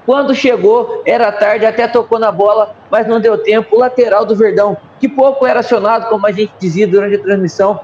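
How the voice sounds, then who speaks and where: A man's voice: high voice, fairly even intonation, a little fast, few pauses, darkish tone. A man with a Brazilian accent giving conversational live football analysis as a commentator. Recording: dull, roomy sound with faint noise.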